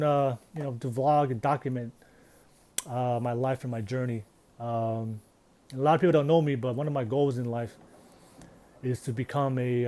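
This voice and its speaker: A man's voice: mid-range voice, warm tone, slight background noise. A man, talking earnestly and reflectively in a casual personal vlog. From Tonga. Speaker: vlogger.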